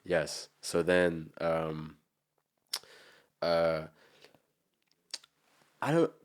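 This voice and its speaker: A man's voice: low-pitched, lively intonation, very slow, smooth. A man with a New Jersey accent, chatting casually and in a slangy, rambling way as a musician being interviewed.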